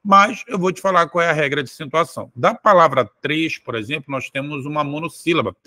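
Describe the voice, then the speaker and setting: Bright-voiced teacher, dry sound. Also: male voice, on the high side, fairly quick, no echo. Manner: explains step by step, stretches out words to sound syllables. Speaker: Portuguese language teacher. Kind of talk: exam-prep lesson.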